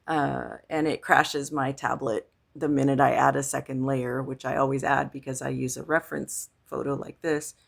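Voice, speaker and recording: Hoarse, gravelly woman chatting casually. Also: low-pitched. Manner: chatty and rambling, lots of ums and asides. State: hoarse morning voice. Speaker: digital artist showing her painting app. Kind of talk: casual screen-share demo vlog.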